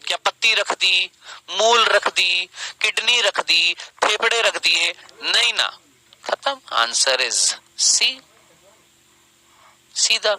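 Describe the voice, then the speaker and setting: Bright, tense-voiced teacher man. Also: high voice, steady tone, slow pace, no room sound, poor audio. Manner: scolding, then sulky and sarcastic with students; addresses students as beta, stretches key words. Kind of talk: online exam-question lesson.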